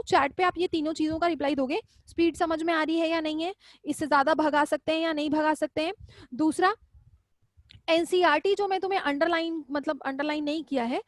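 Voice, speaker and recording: This high-voiced woman lectures on zoology in relaxed Hindi during a live online class, warm and talkative, frequently repeating what students ask. There's no room sound in the recording.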